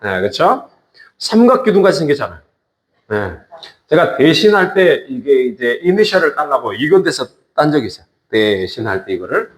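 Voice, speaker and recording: A man teaching a class, patiently repeating each word and joking with students. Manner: slow, lively pitch, drawn-out repetitions. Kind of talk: classroom lesson.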